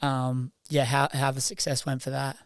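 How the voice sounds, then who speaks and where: A man hosting a podcast, asking relaxed questions and backing up his guest with short agreements. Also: mid-range voice, normal speed, no room sound, clean studio sound. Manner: relaxed, backchannels often with "mm" and "yeah". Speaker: podcast host. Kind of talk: casual interview questions.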